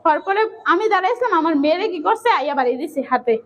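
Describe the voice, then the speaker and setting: A woman's voice: extremely high pitch, animated, very fast, a bit bright. A young woman with an urgently retelling a violent family tragedy, close to tears, quoting others as she goes. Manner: urgent, tearful retelling with quoted dialogue. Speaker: family member of victims. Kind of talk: emotional eyewitness account.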